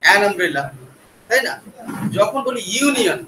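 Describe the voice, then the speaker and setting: A man teaching English grammar to a class, explaining patiently, spelling words out letter by letter and checking understanding with quick questions. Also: high voice, big pitch swings. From West Bengal, India. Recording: echoey classroom from far off, faint background noise.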